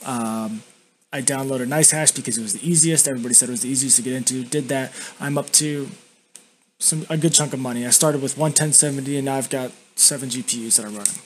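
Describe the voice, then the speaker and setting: Man, young adult, casual blunt reviewer, dip-packed lip, faint background noise. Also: mid-range voice. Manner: talks with a lip full of dip; blunt, casual, frequently swearing. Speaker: YouTube reviewer. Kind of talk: casual screen-recorded software review. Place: indoors at a home computer.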